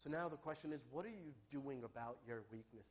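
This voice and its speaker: The recording is muffled, but a mid-range male voice comes through as a pastor delivers a brisk sermon in church. He talks frankly and conversationally, then builds into loud, forceful high points.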